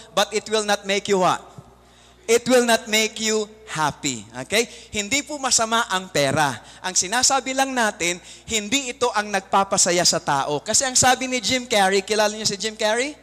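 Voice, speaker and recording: A man with a Filipino accent giving a motivational seminar talk, often quizzing the audience with rhetorical questions and telling lively stories. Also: high-pitched. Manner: lively storyteller. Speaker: seminar speaker. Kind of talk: motivational seminar talk mixing Tagalog and English. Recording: reverberant hall sound.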